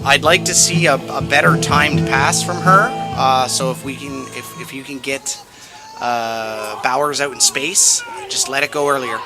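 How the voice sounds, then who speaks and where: A man's voice: medium pitch, a little slow, over loud music, low-quality recording. A man giving color commentary on a football game in a conversational, analytical way with lots of ums and uhs. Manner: conversational, filler-heavy, analytical. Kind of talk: live sports analysis.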